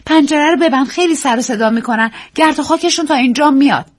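A woman reading a story, voicing a frightened young woman with high, urgent, anxious lines. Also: natural voice. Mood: anxious, excited.

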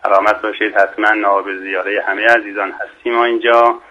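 A man with a Mashhadi accent, a guest satirical poet talking slowly and politely on a call-in radio show. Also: fairly low pitch, level tone, sharp tone, lo-fi sound, slight background noise. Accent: Mashhadi Persian.

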